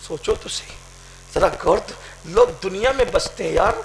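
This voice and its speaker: A man preaching an impassioned sermon, swinging from shouted climaxes to quiet questioning. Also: high-pitched, gravelly, slight background noise. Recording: echoey hall with crowd.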